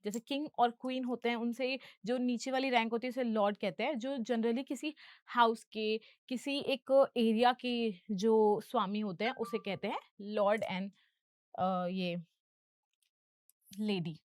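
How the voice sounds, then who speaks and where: A woman's voice: on the high side, fairly even intonation, a little slow, a little mellow, dry recording, studio quality. A woman English teacher explaining film dialogue in a lesson, patient and going through each term step by step.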